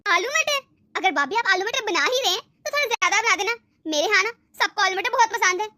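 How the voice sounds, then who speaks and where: A woman voicing a sharp-tongued, spiteful grown daughter in a cartoon, taunting and bossing her family around. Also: very high voice, lively intonation, brisk, no echo, heavily acted. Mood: scolding. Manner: scolding, taunting, demanding. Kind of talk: Hindi cartoon voice acting.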